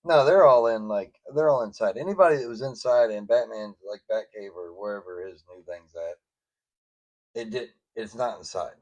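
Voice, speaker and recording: A man co-hosting a podcast, chatting casually about a comic book with loud bursts of disbelief and a relaxed drawl. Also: on the low side, moderate pace, highs cut off. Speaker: podcast co-host.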